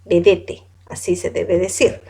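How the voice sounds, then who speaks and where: Slow-paced woman teaching a class. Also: a little high. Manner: lists words one by one, corrects pronunciation; asks students questions. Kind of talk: classroom lecture.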